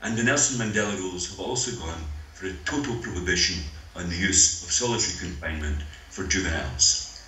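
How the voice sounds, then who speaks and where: An older Scottish man speaking by video link at a conference, lecturing in a measured, dryly humorous way. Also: low-pitched, sharp tone. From Scotland. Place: meeting room, voice played over speakers. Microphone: video call. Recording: roomy hall with faint noise.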